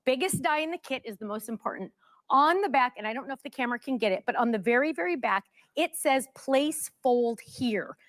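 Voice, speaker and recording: A woman's voice: high-pitched, animated, fast, fairly bright tone, no echo. A woman working as a home shopping host, demonstrating products in a chatty, gushing and emphatic way.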